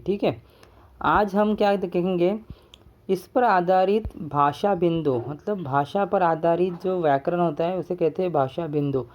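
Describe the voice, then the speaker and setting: A patient male teacher with a high voice gives a classroom lesson on Hindi grammar, explaining step by step and often checking in with his students. He repeats points with "ठीक है," and the sound is lo-fi.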